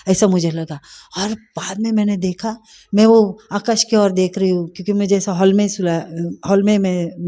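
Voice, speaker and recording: A middle-aged woman recounts her testimony in a warm, mellow voice at a middle pitch. She speaks from the heart, hesitating often and filling her pauses with small sounds as she searches for words. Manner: heartfelt, hesitant with many fillers. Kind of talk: emotional personal testimony.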